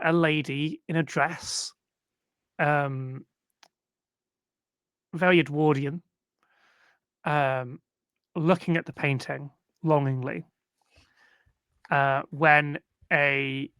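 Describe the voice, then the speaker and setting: A game master narrating a tabletop role-playing game in slow, deliberate bursts with frequent pauses and fillers. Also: mid-range voice, a bit bright, dry recording, clean studio sound.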